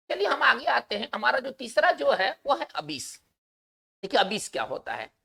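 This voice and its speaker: A woman explains words for an exam in a fairly high voice that swoops up and down. Her delivery carries a gravelly edge. She circles back over each point and keeps checking that her listeners follow. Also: sharp tone. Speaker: teacher. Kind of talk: exam vocabulary lesson.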